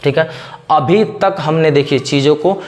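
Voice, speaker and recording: A man gives a chemistry class lecture in a higher-than-usual voice. He keeps asking questions and answers each one himself in a steady pattern. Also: normal speed. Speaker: chemistry teacher.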